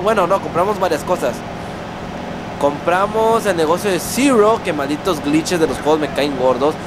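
A man with a Mexican accent doing excited, swearing gameplay commentary as a gaming host. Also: high-pitched, noisy background. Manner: excitable, swearing, mock-shouting at the game.

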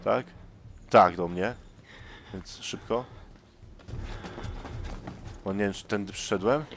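A man with a fairly low voice talks his way through a horror game, tense and jumpy, muttering under his breath. His commentary rides over clearly audible background noise. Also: slow pace. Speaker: let's play gamer. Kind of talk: let's play commentary.

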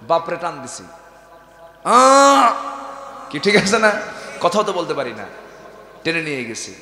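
A man preaching a waz sermon to a crowd. He keeps firing rhetorical questions at the audience and swings from hushed lines to shouts. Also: a little high, sing-song, a little fast. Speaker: Islamic preacher. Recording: echoey hall with long reverb.

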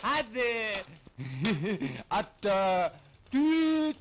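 A man's voice: sits high, lively intonation, slow pace, background noise. An actor playing a naive, childlike adult wild man who babbles in baby talk and giggles. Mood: childish glee.

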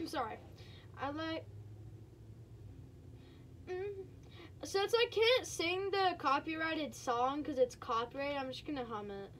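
A woman giving casual, excitable commentary while playing a game, chatting to her viewers with quick exclamations. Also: high voice, a little hiss or hum. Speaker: gaming streamer.

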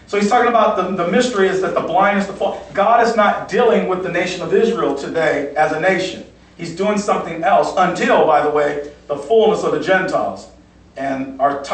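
A male pastor teaching from the Bible in a sermon, repeating key phrases and checking in with "okay?". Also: high voice. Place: church sanctuary. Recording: echoey church hall from far off.

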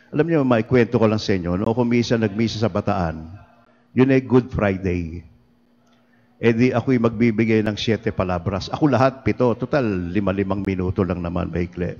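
Chatty priest in an echoing church. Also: male voice, mid-range voice. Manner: lively, chatty, often laughing. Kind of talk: humorous sermon storytelling. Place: church during livestreamed mass. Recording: dull reverberant church livestream.

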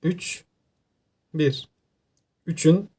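Excitable Aegean-accented gaming commentator. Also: male voice, on the high side, drawn-out words, slightly rough. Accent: Aegean Turkish. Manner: excitable, joking, talks to himself. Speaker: gaming YouTuber. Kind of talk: casual gameplay commentary.

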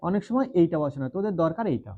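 A man teaching grammar with a West Bengal Bengali accent talks very fast, his slightly high voice swinging widely in pitch. He drills and quizzes the class, lengthening syllables, and the recording is muffled.

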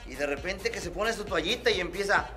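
Joking clown guest from Veracruz. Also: male voice, sits high, expressive, fairly quick, over music. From Veracruz, Mexico. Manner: joking, swears casually, mutters punchlines. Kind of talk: joke-telling studio chat.

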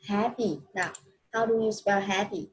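A woman's voice: medium pitch, steady tone, unhurried, rough recording. A woman teaching a child English, patient and coaxing, repeating each answer back. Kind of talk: one-on-one children's English lesson.

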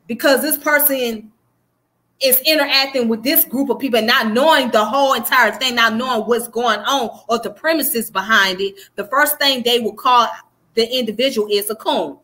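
A woman in her thirties with a Southern US accent and a somewhat high, slightly bright voice talks history to her livestream viewers. She's casual but emphatic and preachy, checking in often with "okay?" She's close to a webcam in a small indoor room.

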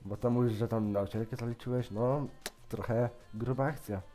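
A man's voice: mid-range voice, steady tone, normal speed, dark tone, soft background music. A man chatting casually while gaming, teasing and pranking another player as a YouTuber. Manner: teasing, joking, playfully mocking.

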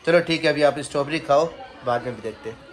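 A family vlogger with a fast, somewhat high voice talks casually to his viewers as guys while out at the shops and a market. Along the way, he teases the kids who are with him.

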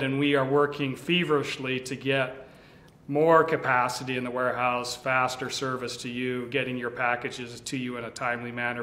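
A middle-aged company vice president with a medium-pitched voice gives a video address to sales leaders, speaking earnestly and reassuringly with frequent restarts. He stands before a fixed camera in a two-shot inside a large bright office with tall windows, and the room sounds echoey.

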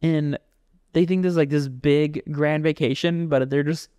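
Man, podcast co-host, animated storyteller, smooth clear voice, dry close sound. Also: fairly high pitch, moderate pace, no echo. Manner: animated storyteller, acts out folksy voices, swears casually. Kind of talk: casual chat.

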